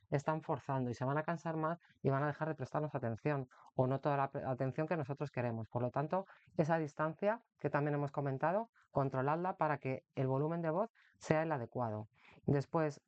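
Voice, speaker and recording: A man's voice: fairly high pitch, a little mellow, dry recording. A man from Spain, explaining public speaking tips in a recorded lesson, often adding rhetorical questions. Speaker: course instructor for teacher exam candidates. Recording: dry, dull lo-fi recording.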